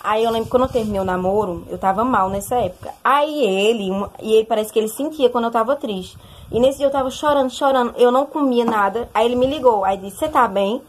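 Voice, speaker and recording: A young woman sharing a personal testimony in a casual, animated way, often turning to speak straight to her listeners. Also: fairly high pitch, fast, slight background noise. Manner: animated, addresses listeners directly.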